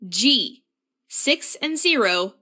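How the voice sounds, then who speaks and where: A woman working as a bingo caller, announcing numbers in set phrases with a deliberate, formulaic delivery. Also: fairly high pitch, expressive, sharp tone.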